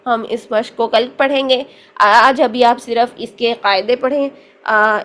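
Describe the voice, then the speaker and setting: A woman teaching Quran reading in a recorded online lesson, with a Pakistani Urdu accent, patiently drilling syllables and checking in with "theek hai" along the way. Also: a little high.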